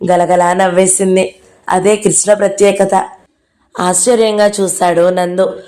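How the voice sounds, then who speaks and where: A woman reads a novel aloud for an audio book, giving every character's lines herself. Her pitch stays level with almost no rise or fall, so the reading has a steady, even sound. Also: a little slow.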